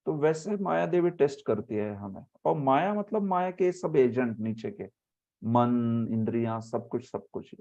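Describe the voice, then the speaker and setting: A man leading a scripture class who explains by example and sounds out words slowly. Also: medium pitch, lively intonation, vocal fry, mellow. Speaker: spiritual teacher. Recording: muffled lo-fi audio.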